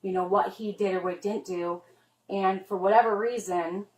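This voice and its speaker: A middle-aged mother gives a spoken statement to a police officer, rambling in an earnest, worried way and leaning heavily on "like." Her voice is medium-pitched and a little mellow, with fairly even intonation at a normal speed. The audio comes from the officer's body camera and sounds roomy and distant.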